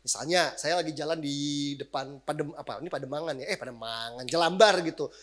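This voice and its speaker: Pastor guy preaching, lively and slangy, kinda high voice. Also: a little fast. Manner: animated preaching with slangy asides. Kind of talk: casual sermon.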